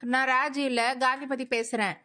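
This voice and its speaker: A woman's voice: high voice, steady tone, moderate pace, bright, forceful tone. An actress playing an anxious elderly grandmother in a TV serial, lamenting and wailing over a missing daughter. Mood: fretful. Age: older. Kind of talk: TV serial acting.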